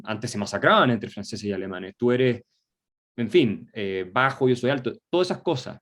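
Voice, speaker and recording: Male guest, average pitch, professorial, peppers speech with fillers. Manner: lecturing, many filler "eh" and tag questions. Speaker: guest commentator. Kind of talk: political discussion.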